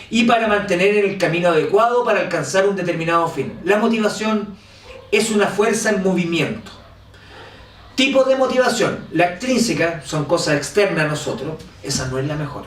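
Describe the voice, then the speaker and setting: Chilean guy teaching an online class, kinda high voice, animated, sounds far from the mic in an echoey room. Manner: animated, asks for agreement with "¿cierto?". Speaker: instructor. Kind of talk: online course lecture.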